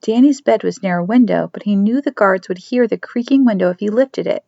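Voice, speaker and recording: A woman narrating a chapter of a novel in a steady storytelling manner, dropping to soft whispers for a character's thoughts. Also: medium pitch, brisk, creaky, no room sound. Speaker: audiobook reader. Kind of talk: scripted narration. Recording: dry, dull lo-fi recording.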